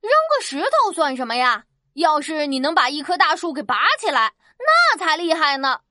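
A woman's voice: sits high, sing-song, normal speed, fairly bright tone, no room sound, clean studio sound. A woman voicing a clever little farm boy in a children's story, cheeky and full of sly plans. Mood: plucky. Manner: cheeky, scheming.

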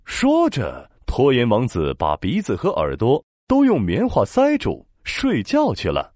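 A man narrating a children's story in a dramatic, expressive storytelling manner. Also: mid-range voice, a little slow, dry recording, studio quality. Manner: dramatic, expressive, with sound-word emphasis.

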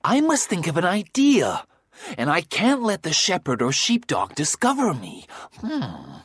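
Storybook big bad wolf, woman voicing, scheming and smug, slow husky delivery, dry close sound. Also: fairly low pitch, wildly swooping pitch, dry recording, heavily acted. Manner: gloating, cackling, exaggerated. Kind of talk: storybook audio acting.

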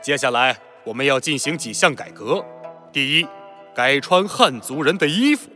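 A man's voice: medium pitch, expressive, moderate pace, sharp tone, soft background music. A man playing an earnest, decisive reforming emperor, theatrical and proclaiming, in a children's audio drama. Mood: firm proclaiming.

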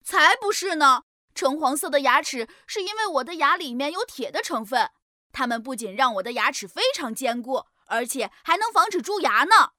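A high, bright and friendly beaver, played by a woman in a children's storybook, kind, modest and eager to help. He explains things patiently and warmly. The recording is close and dry. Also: animated, normal speed, no echo. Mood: explaining. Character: kind, helpful young male beaver, cheerful and modest.

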